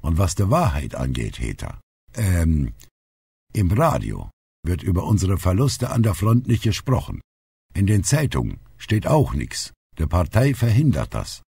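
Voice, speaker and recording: A man reading an audiobook, voicing a blunt, outspoken old grandfather who is gruff but loving. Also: deep voice, huge pitch swings, unhurried, dark tone, no echo, pitched above the performer's own voice, full character voice. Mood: earnest, bitter. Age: older. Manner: blunt, plainspoken.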